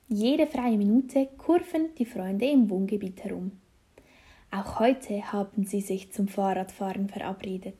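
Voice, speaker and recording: Slow, mellow storyteller woman. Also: medium pitch. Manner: slow, deliberate reading. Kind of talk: children's story reading.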